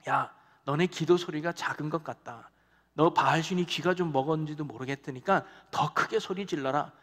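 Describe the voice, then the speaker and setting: A man's voice: fairly high pitch, normal speed, fairly bright tone. A man voicing a bold male prophet who sarcastically taunts his rivals, heard in a reverberant church hall. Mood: mocking.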